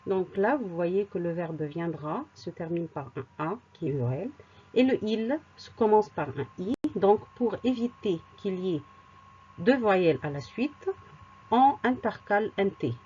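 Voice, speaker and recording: A woman teaching a grammar lesson, explaining rules slowly with spoken examples and occasional hesitant fillers. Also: medium pitch, animated, warm tone, slightly rough, dull audio. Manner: slow and deliberate, repeats words, hesitant fillers. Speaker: French teacher.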